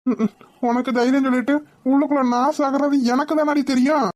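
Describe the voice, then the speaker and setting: A woman's voice: high voice, fairly even intonation, brisk, heavy background noise, natural voice. A woman voicing a nervous, bossy young man driving a getaway car, with a snappy scolding manner.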